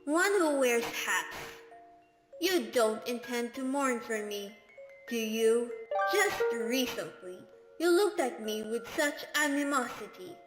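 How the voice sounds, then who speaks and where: Woman doing a grave alien hive-mind voice, echoing chorus effect, slow and formal, long reverb, loud game music behind. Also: fairly high pitch, expressive.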